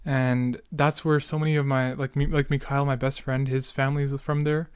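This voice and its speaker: On a solo podcast, a young Canadian host in his late teens or early adulthood rambles casually through old memories, interrupting himself and using youthful slang. He speaks at medium pitch and a moderate pace, smooth and flat, recorded with clean studio sound and no room noise.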